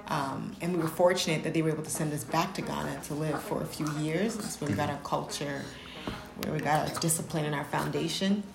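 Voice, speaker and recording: A woman's voice: sits low, brisk, creaky, a crowd in the background. A woman from New Jersey hosting a podcast, upbeat and emphatic, laughing easily in casual chat. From New Jersey, USA. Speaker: podcast host. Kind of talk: scripted intro then casual chat.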